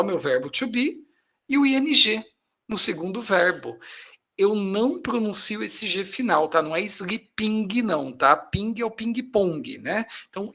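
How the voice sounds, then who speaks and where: A man teaching English grammar to Portuguese speakers, energetic and emphatic, slowing down to model each English phrase. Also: on the high side, husky. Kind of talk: grammar lesson explaining on slides.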